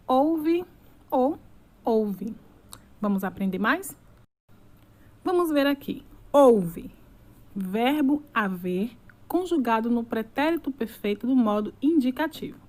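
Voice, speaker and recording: A woman teacher giving a recorded remote lesson, going through examples slowly and word by word, and asking her pupils questions. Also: fairly high pitch. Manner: slow, deliberate word-by-word examples.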